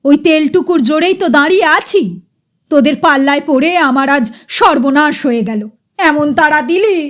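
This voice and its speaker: A woman's voice: sits high, sing-song, unhurried. A woman voicing a fussy, vain middle-aged man in a funny story, grumbling and tacking on questions. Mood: complaining.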